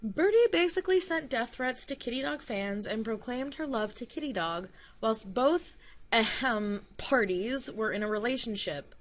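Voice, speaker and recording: Chatty young woman ranting, slightly high voice. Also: lively intonation, moderate pace. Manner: chatty, digressive, laughs mid-sentence, swears. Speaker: YouTuber. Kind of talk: casual rant to camera.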